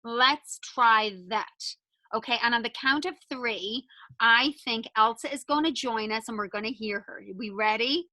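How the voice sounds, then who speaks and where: A woman drama teacher hosting a video call for children, animated and sing-song as she coaxes them to join in. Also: fairly high pitch, a little slow, dry recording. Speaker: drama school teacher and host. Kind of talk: enthusiastic talk to children.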